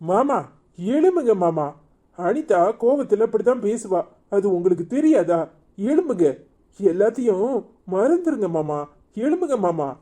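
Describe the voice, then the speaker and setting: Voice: mid-range voice, sing-song, normal speed, mellow. A performer voicing a protective young husband in a cartoon serial, with a Tirunelveli Tamil accent, scolding and coaxing by turns. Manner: scolding then coaxing, repeats pleas.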